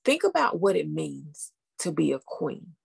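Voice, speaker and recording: A woman coach leads a live masterclass over a video call, her voice low and heavily gravelly with a husky edge. She talks casually and upbeat, checking in with listeners again and again. The sound is dry and close. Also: big pitch swings, a little slow, no room sound. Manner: casual, upbeat, addresses listeners directly with frequent "okay?". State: out of breath after running upstairs. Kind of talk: live online masterclass teaching.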